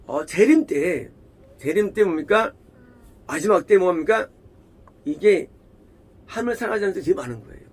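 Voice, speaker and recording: A man's voice: high voice, lively intonation, brisk, long pauses, a little mellow. A man preaching a sermon as pastor, emphatic, repeating phrases and firing rhetorical questions at the congregation.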